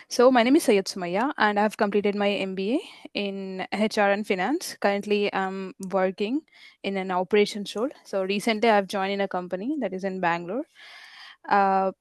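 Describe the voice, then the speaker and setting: Polite, shy young woman, smooth clear voice, dry close sound. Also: mid-range voice, dry recording. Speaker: student introducing herself. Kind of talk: online class introduction.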